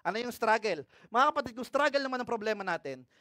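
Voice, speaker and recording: A man with a Filipino accent preaching a sermon in a mix of two languages, reading scripture aloud and often asking his congregation questions, swinging between loud and hushed. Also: very high voice, lively intonation, fast talker, dry recording, clean studio sound.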